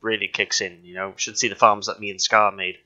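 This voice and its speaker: A man's voice: on the low side, level tone, fairly quick, sharp tone, dry recording, dull audio. A man chatting casually while gaming, laid-back and giggly, swearing freely. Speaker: gaming friend.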